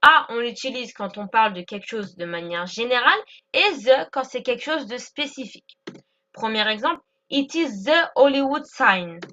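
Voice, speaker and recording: A woman teaching an English grammar lesson, explaining patiently and slowing down for each example while checking understanding. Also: on the high side, expressive, sharp tone, muffled recording. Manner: patient, repeats examples slowly, checks with "d'accord?".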